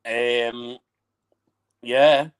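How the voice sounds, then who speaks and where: A man's voice: mid-range voice, fairly even intonation, drawn-out words, clean tone. A man on an online call who rambles and repeats himself, with his audio breaking up and cutting in and out. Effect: choppy internet audio, cutting in and out. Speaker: caller on a livestream. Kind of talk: casual online call chat. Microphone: online call microphone.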